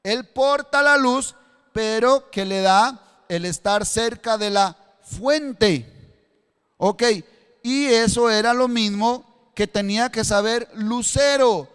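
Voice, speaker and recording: A man's voice: very high-pitched, takes it slowly, fairly bright tone, smooth, in a large hall. A male pastor with a Costa Rican accent preaching a sermon, building to fervent emphasis and using a matchstick as a demonstration. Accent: Costa Rican Spanish. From Costa Rica.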